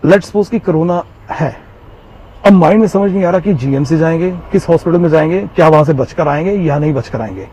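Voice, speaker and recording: A man's voice: on the high side, fairly quick, mellow, slightly rough. A man with a Jammu Hindi accent telling an interviewer about his illness in an earnest, repetitive way, full of fillers. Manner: earnest, repeats himself, frequent fillers. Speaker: interviewee, Covid survivor. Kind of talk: recounting personal story in interview. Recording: slightly muffled with faint background noise.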